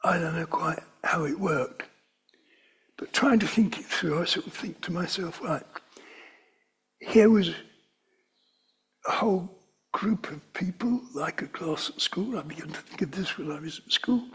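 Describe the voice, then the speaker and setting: Unhurried and pausing often, an older Londoner gives a rambling, conversational sermon that rises to emphatic stresses. His pitch is fairly high, and his voice is very breathy, frequently dropping to a whisper.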